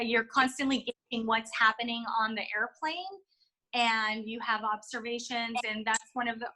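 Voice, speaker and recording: A woman's voice: fairly high pitch, pushed and bright, rough recording. A woman giving interview answers as a flight attendant, explaining things in a chatty way with examples.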